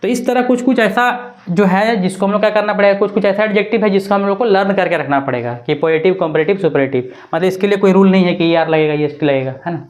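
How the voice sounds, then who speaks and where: A woman's voice: mid-range voice, fast talker, hardly any pauses, darkish tone. A woman teaching an English grammar lesson, spelling words out letter by letter and checking in with her students often. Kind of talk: classroom-style grammar lesson.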